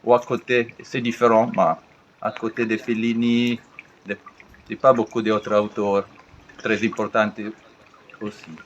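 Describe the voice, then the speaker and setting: Low-voiced Italian man speaking halting accented French. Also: level tone. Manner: foreign accent in French, halting, searching for words. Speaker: interviewed artist. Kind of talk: casual interview talk in halting French. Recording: dull lo-fi with faint background noise.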